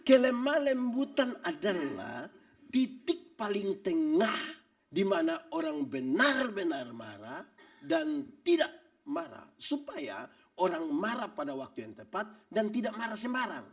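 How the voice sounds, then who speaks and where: A male pastor preaches in a church, his high voice leaping up and down as he acts out scenes and cracks jokes. He sounds a little off the mic, with the church space coming through. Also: measured pace, creaky, distant mic. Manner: animated preaching with acted-out quotes and jokes. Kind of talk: sermon.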